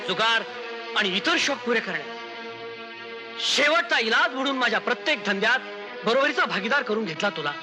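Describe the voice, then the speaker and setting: An actor playing a proud, wealthy village merchant who lectures his wayward brother in an old film. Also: extremely high pitch. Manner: reproachful lecturing, then gracious. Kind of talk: 1980s film acting.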